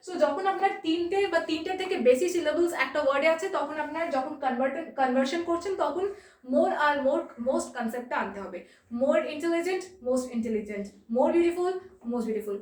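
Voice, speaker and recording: A woman teaching a grammar lesson, patiently repeating points and checking in with quick questions. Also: high-pitched, darkish tone, far from the mic. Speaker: exam-prep English teacher. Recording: echoey room, voice set back from the mic.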